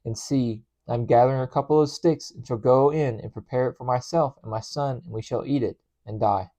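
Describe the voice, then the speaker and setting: A man's voice: medium pitch, brisk, dark tone, dry recording, natural voice. A man reading as a poor, grieving widowed mother. The voice stays close to his own plain, earnest reading tone, with only a light touch of character. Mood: despairing.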